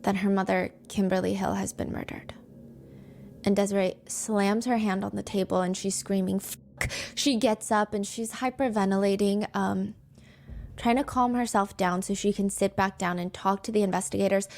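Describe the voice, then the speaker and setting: A woman's voice: medium pitch, steady tone, normal speed, creaky, a little mellow, slight background noise. Woman narrating true crime, conversational. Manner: conversational, with asides and light humor. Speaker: true crime podcast host. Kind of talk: storytelling narration.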